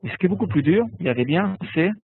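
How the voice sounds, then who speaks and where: A man's voice: high-pitched, lively intonation, quick pace, gravelly, husky, no room sound. A man teaching a biblical Hebrew lesson online, patiently explaining and often checking with "d'accord?". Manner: patient, repeats words and asks "d'accord?" often. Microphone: online call. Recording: tinny webinar audio, phone-like.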